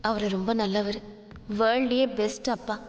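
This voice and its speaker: A woman's voice: medium pitch, fairly even intonation, moderate pace, dull audio, natural voice. A woman dubbing a young woman in a TV serial, hurt but polite and earnest. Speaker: lead character in a dubbed serial. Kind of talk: dubbed TV serial drama. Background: background music.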